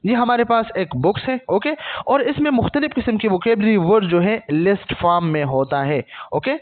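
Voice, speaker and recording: High-voiced male teacher, tinny. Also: animated. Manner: slow deliberate reading of English lines, then explaining; frequent "okay". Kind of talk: classroom lecture mixing Urdu and English. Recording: tinny phone-like recording.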